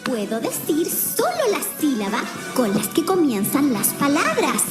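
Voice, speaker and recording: A woman voicing Florencia, a cheerful little cartoon girl with a very high, sing-song voice, slowly sounding out syllables. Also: wildly swooping pitch, exaggerated voice. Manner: stretches each word slowly, jumps high on syllables. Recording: dull muffled sound with loud children's music.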